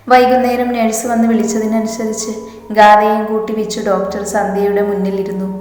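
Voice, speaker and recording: A woman's voice: medium pitch, a little mellow. Woman narrating a story in an echoey room. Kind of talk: reading a romance story aloud.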